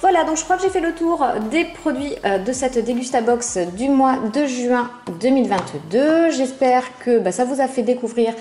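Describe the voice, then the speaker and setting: A woman's voice: high-pitched, lively intonation, normal speed, hardly any pauses, mellow, a little hiss or hum. A woman casually reviewing products from a subscription box, chatting with many hesitant fillers. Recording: roomy echo.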